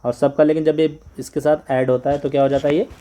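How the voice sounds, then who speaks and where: A man's voice: fairly high pitch, little pitch movement, fast talker, dark tone, a little hiss or hum. A man with an Indian accent, a Hindi-speaking teacher explaining a lesson step by step and spelling words out letter by letter.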